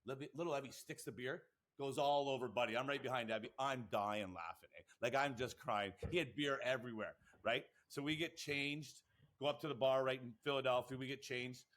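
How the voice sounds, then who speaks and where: A man, a lacrosse podcast co-host and coach, telling rambling, excitable stories full of acted-out quotes and swearing. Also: mid-range voice, fairly quick. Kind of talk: animated storytelling.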